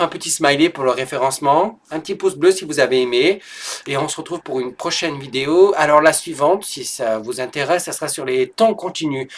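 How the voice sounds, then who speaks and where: Here the same kind of patient online English teacher walks learners through grammar, saying every phrase slowly and clearly more than once. His voice is a little high.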